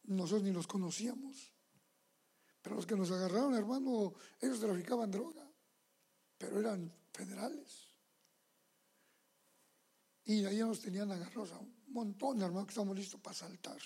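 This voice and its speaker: Gravelly pastor preaching fervently. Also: male voice, high-pitched, moderate pace, pauses often, warm tone. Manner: fervent, addresses listeners as brothers. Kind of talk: preaching sermon.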